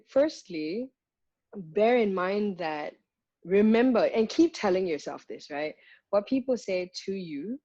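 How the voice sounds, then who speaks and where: A woman's voice: mid-range voice, warm tone, no room sound, lo-fi sound. A woman, a guest singer talking frankly and reflectively, making her points one by one. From Malaysia. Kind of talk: candid conversational interview.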